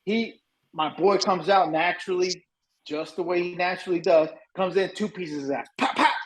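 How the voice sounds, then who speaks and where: A man co-hosting a podcast, telling a story in a casual, animated way, swearing and saying "bro" a lot. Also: high-pitched, normal speed, low-quality recording. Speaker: podcast co-host.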